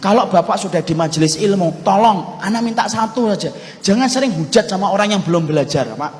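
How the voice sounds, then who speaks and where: A man preaching a sermon and telling a story, calling his listeners "Pak" and moving between loud, high lines and soft, low ones. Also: animated, fairly quick. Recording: echoey hall recording with faint background hum.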